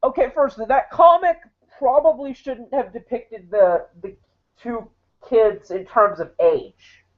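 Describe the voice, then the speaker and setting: A woman's voice: on the high side, takes it slowly. A woman giving casual, blunt commentary as she reacts to a video and cuts in with retorts. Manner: blunt, interrupts the clip with retorts. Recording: tinny phone-like audio.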